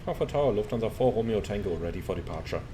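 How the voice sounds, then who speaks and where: Man, low-voiced pilot on cockpit headset. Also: very fast. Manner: calm, crisp call-outs, relaxed asides. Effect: pilot speaking into a cockpit headset mic. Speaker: airline pilot. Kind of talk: cockpit checklists and radio calls with commentary to viewers. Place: airliner flight deck. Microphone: headset boom mic. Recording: steady cockpit air and engine hum.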